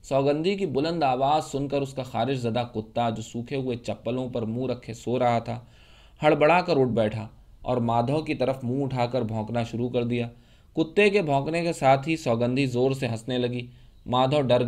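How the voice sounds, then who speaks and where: A man narrating a literary short story in a measured, steady way. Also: medium pitch.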